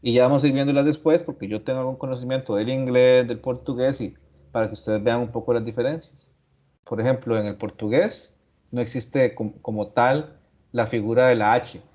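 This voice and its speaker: A male teacher lecturing in an online class at a middle pitch. He works through points step by step, asks rhetorical questions and repeats key terms. The audio sounds dull and lo-fi. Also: fairly even intonation, brisk, a little mellow.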